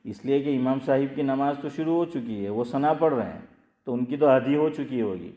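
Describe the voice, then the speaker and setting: A man's voice: medium pitch, lively intonation, dark tone, roomy sound. A man, giving a conversational religious talk, asking his listeners questions and repeating key points. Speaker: Islamic scholar giving a talk. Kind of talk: conversational sermon.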